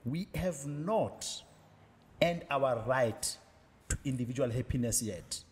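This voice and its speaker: A man's voice: medium pitch, lively intonation, slow, big-room sound. Reflective South African man on a podcast. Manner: reflective, persuasive, mixes in Sesotho. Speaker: podcast co-host. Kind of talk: casual panel discussion.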